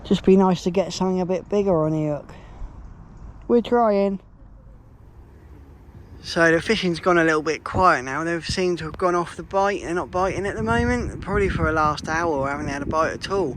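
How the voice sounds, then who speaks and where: High-voiced guy chatting to his camera by a lake, faint outdoor hiss behind. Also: moderate pace, fairly bright tone. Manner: chatty, upbeat, often breaks off mid-sentence. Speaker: vlogger, angler. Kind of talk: casual vlog chat.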